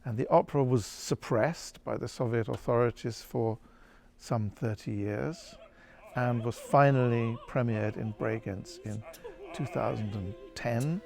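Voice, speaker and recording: Speaking in an interview, a man with a gravelly, slightly mellow mid-range voice sounds reflective. He's thoughtful and halting as he searches for his words.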